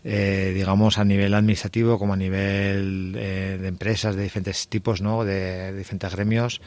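Man, very low voice, dry sound, halting, restarting phrases, radio guest. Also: little pitch movement, a little mellow, dry recording. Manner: hesitant, frequent restarts and fillers. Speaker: restaurant owner. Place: radio studio.

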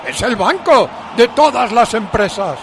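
A man from Spain shouting a sponsor message during a radio football broadcast. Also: sits high, big pitch swings, unhurried, creaky, background noise. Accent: Spanish from Spain. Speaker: sponsor announcer.

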